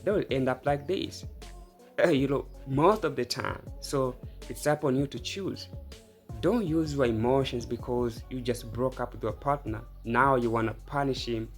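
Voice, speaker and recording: A man's voice: medium pitch, moderate pace. An opinionated man talks straight to the viewer in a loose, casual way and reacts to clips. Music plays faintly behind him. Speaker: commentary channel host. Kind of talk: reaction commentary.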